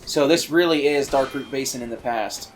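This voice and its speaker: A man giving casual, rambling commentary on a video game he is playing, full of fillers and excited asides. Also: mid-range voice, moderate pace, a little hiss or hum. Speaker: let's play commentator.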